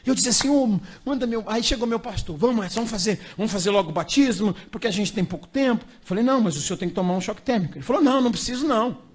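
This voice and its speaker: A middle-aged Brazilian man, an evangelist preacher, telling a lively anecdote in a sermon and acting out the dialogue. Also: high-pitched, racing. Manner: animated storytelling, acting out dialogue with laughter.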